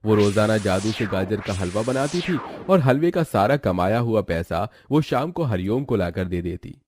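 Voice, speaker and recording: Low-voiced male cartoon story narrator. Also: moderate pace, a little hiss or hum. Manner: steady, dramatic storytelling.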